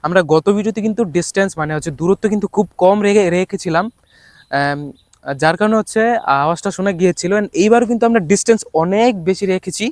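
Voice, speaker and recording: A man's voice: high voice, quick pace, no room sound. A young man vlogging outdoors, chatting casually to his viewers with lots of fillers and restarts. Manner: talkative, fillers and restarts, shouts to a distant teammate. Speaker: YouTube vlogger. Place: outdoors in open ground.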